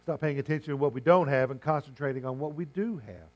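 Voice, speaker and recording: A man preaching a sermon, hoarse, with emphatic phrasing, rhetorical questions and slow stressed lines. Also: mid-range voice, dull audio. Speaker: pastor.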